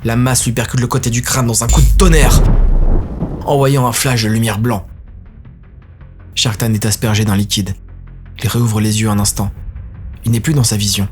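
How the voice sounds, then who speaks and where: A man narrating a dark science-fiction audio story in a grave, intense manner. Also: medium pitch, fairly even intonation, moderate pace, long pauses, soft background music.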